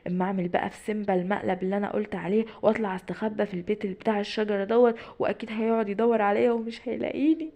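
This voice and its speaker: A woman's voice: mid-range voice, fairly even intonation, rapid-fire, hardly any pauses, dark tone, lightly acted. A woman voicing a mischievous, prank-loving young boy in an Egyptian Arabic cartoon, playful and teasing. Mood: scheming. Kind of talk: cartoon voice acting.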